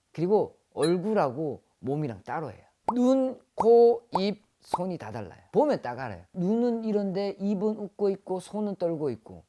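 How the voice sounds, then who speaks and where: Fast, lively young male shaman. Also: a little high. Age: young adult. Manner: emphatic, demonstrative, acts out examples. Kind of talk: animated explanatory talk.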